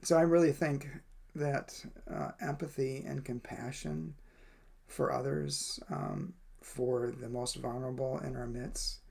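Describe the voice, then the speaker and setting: A man shares personal thoughts while reading a daily devotional, speaking in a thoughtful way full of hesitations and fillers. He has a medium-pitched, creaky voice with a darkish tone and a slightly slow pace.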